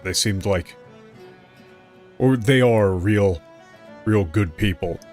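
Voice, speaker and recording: Low-ish voiced guy streaming a game, chatty, thinking out loud, faint music behind. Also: takes it slowly. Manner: chatty, thinking aloud, loosely paraphrasing dialogue. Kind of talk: casual let's-play commentary.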